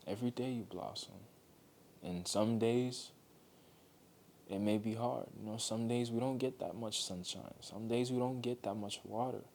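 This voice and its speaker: A man with a fairly low voice delivers a heartfelt motivational monologue. He speaks earnestly and gently, circling back to repeat key phrases. A faint low rumble runs behind the recording. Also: normal speed, gravelly.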